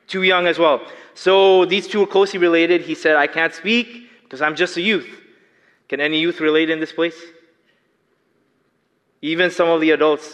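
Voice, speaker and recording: A young Filipino man with a Filipino accent and a slight lisp, a lay preacher, delivers an earnest sermon and poses questions to his congregation. His slightly high voice is clear, resonant and fairly bright. A large church hall gives the recording long reverb.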